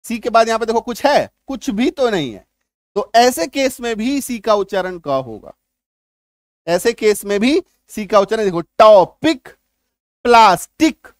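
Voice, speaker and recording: A man's voice: high-pitched, animated, normal speed, dry recording. Male English teacher, dry sound. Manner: explains with homely analogies and checks understanding often. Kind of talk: classroom-style spelling lesson.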